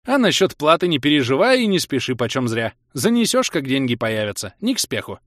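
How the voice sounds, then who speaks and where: A man's voice: mid-range voice, very animated, brisk, a bit bright, no room sound, clean studio sound, pitched above the performer's own voice. A man voicing a folksy male village trader with rustic, wheedling speech. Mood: fawning.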